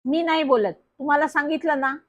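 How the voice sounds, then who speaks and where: A woman's voice: high voice, brisk, lo-fi sound, pitched above the performer's own voice, close to an everyday voice. A woman voicing a flustered young boy protesting on a public telephone.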